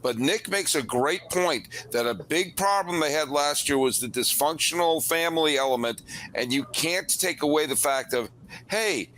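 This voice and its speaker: A man hosting a podcast panel, rambling and excitable, with a voice that is going hoarse. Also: a little high, moderate pace, slight background noise, low-quality recording. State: losing his voice. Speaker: podcast host.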